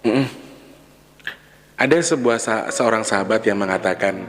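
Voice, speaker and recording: A man's voice: lowish voice, measured pace. Confiding man over reverb and music. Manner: candid, repetitive, with frequent soft laughs. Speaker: vlogger. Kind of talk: confessional casual monologue. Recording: long reverb with background music.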